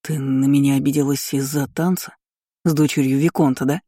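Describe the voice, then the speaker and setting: A woman voicing a pushy young blond male count who mutters slowly and breathily. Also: extremely low pitch, fairly even intonation, dark tone, no echo, clean studio sound. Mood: wounded.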